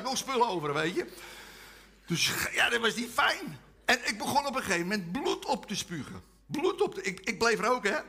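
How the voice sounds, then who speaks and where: A man delivers a testimony sermon full of jokes. His voice sits high and bright, and his pitch swings widely as he leads the crowd in chants. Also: husky. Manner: humorous, animated, leads call-and-response chants. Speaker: preacher. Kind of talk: testimony sermon to a live audience.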